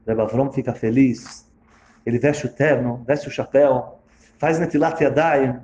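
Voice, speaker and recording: A man, a religious teacher telling a story in a sermon with a dramatic, animated delivery. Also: medium pitch, unhurried, roomy sound, highs cut off.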